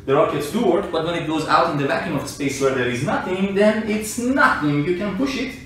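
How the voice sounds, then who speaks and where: In an echoey room, with a distant mic picking up faint noise, a man explains informally and argumentatively to a listener through everyday examples. His voice sits high and sounds a bit bright, animated, and fairly quick. He calls himself an engineer and scientist.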